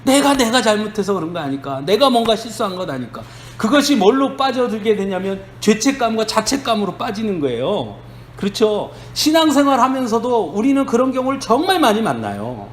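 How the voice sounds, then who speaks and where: A male pastor delivering a sermon, high-voiced and animated, rising and falling as he tells the story. He keeps asking the congregation rhetorical questions. The church hall rings around him, with a faint hum under it. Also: fairly quick. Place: church sanctuary.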